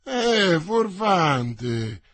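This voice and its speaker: A bold young musketeer with a quick, mocking wit, as a man reading the book puts him on. The voice is husky and a little raised. It sounds dry and close, like an audiobook recorded for radio. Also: high voice, very animated, fairly bright tone, no echo, voice pushed up, heavily acted. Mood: wry.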